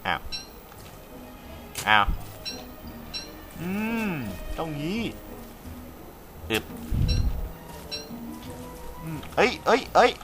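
Lively young man joking through a game. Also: medium pitch. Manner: lively, swears casually, chatty to viewers. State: has a cold. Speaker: gaming commentator. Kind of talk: casual let's play commentary. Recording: faint game music behind.

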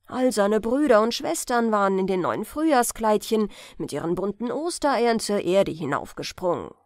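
Slow, gentle woman reading a bedtime story. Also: mid-range voice, dry recording, studio quality. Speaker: audiobook reader.

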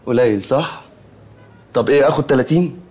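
A man's voice: mid-range voice, darkish tone, soft background music, close to an everyday voice. An actor with an Egyptian accent playing a cheeky, scheming young male friend who teases glibly, in a TV sitcom. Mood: teasing. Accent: Egyptian Arabic. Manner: teasing, glib, quick-talking.

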